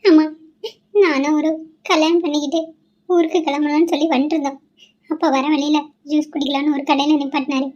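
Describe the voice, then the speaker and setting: Cartoon: high-pitched, tearful young newlywed wife, voiced by a woman, with a mellow, pleading tone. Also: flat delivery, a little fast, pauses often, highs cut off, a little hiss or hum, lightly acted. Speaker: cartoon character voice. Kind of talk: cartoon voice acting.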